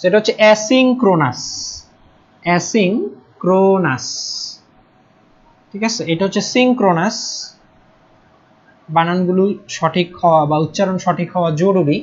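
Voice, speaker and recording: A man's voice: high voice, fairly quick, long pauses, lo-fi sound. A young man with a Bangladeshi Bengali accent, teaching a live online class, patient and repeating key terms while often asking if students follow. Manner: patient, checks in often with "ঠিক আছে?"; stresses spelling and pronunciation, repeating terms.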